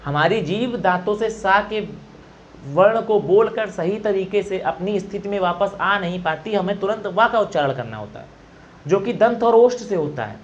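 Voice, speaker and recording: A man's voice: high-pitched, expressive, moderate pace, muffled recording, a little hiss or hum. A man teaching pronunciation for exams, patiently explaining and repeating sounds aloud to demonstrate them. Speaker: Hindi exam teacher. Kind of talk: classroom-style explanation.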